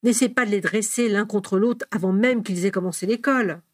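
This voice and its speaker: A woman's voice: medium pitch, brisk, no echo, lightly acted. A grown mother who scolds with a hint of a smile, half serious and half amused, as a woman reads her aloud. The storybook voice is dry and close. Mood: chiding.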